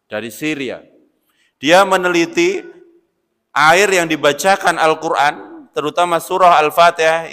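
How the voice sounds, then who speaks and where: A man preaching an Islamic sermon, swinging between loud emphatic bursts and quiet asides, often addressing listeners as "Pak". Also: a little high. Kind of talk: lecture-style religious sermon. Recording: long reverb of a large hall.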